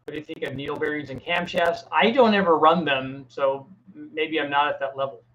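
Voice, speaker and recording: A man's voice: fairly high pitch, brisk, pushed and bright, muffled recording. A middle-aged man hosting a casual live Q&A, answering viewers' technical questions in a plain-spoken way, often restarting his sentences. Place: home workshop with a fan running.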